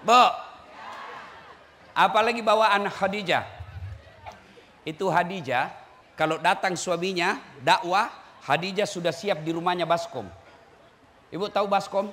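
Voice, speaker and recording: A man preaching a lively sermon, teasing and shouting at the crowd. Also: sits high, measured pace, pauses often, slight background noise. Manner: teasing, shouting and singing to the audience. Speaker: Islamic preacher. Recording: echoey hall with faint ambience.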